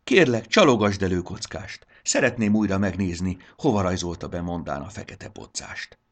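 A man voicing a playful, carefree creature girl who talks excitedly in a husky voice. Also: low-pitched. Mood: eager. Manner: bubbly, excited.

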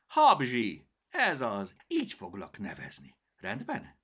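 A man's voice: medium pitch, wildly swooping pitch, fairly bright tone, slightly rough, pitched above the performer's own voice, full character voice. A man voicing a proud, possessive house cat that talks in a bossy, huffy way. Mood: eager, calling.

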